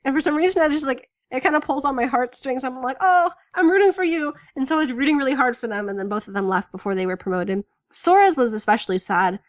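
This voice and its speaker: A woman's voice: sits high, quick pace, hardly any pauses, no room sound, clean studio sound. A woman co-hosting a casual fan podcast, chatty and enthusiastic, full of fillers. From United States. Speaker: podcast co-host.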